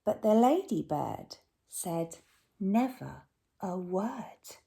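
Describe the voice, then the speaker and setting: A primary school teacher reads a picture book aloud to young children in an animated way, gasping and asking them questions as she goes. Her voice is medium-pitched with vocal fry, and she reads very slowly.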